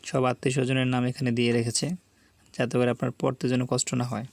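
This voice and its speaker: A man teaching Quran reading, sounding out each syllable slowly and patiently and repeating it for learners to echo. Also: medium pitch, monotone, vocal fry. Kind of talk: slow spelling drill lesson.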